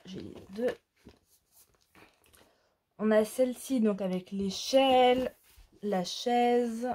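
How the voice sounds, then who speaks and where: A woman talks slowly through her new scrapbooking supplies in a relaxed show-and-tell. She hesitates often and fills gaps with soft fillers. Her pitch sits in a middle range. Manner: slow, hesitant, many fillers. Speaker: crafting vlogger. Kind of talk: casual haul show-and-tell.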